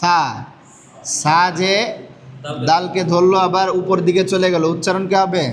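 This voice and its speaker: A man's voice: high-pitched, level tone, a little slow, a little hiss or hum. Man teaching, asking questions and repeating. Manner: asks the class questions and repeats answers. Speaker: Quran reading teacher. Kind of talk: classroom lesson.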